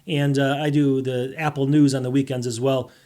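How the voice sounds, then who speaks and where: A man's voice: mid-range voice, flat delivery, moderate pace, mellow. A man hosting a casual tech deals video, rambling through prices with rhetorical questions and self-interruptions, saying he is losing his voice.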